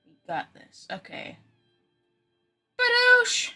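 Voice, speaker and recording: A woman game streamer chats casually with her viewers on a live stream, rambling and poking fun at herself. Her voice is extremely high with huge pitch swings, slow, pushed and bright, with faint music behind her.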